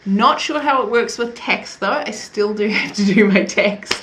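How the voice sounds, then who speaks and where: A mid-range, fairly bright female voice, a little slow, with slight background noise. She's a young woman from New Zealand with a Kiwi accent, talking casually to camera in a chatty vlog, often laughing and making jokes at her own expense.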